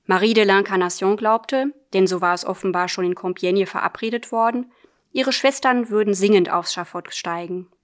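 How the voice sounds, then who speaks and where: A woman reads a literary story aloud in the voice of a letter writer. Her delivery is measured and earnest, speaking to a close friend. Her pitch sits in the middle range. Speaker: audiobook reader. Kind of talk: literary audiobook narration, letter form.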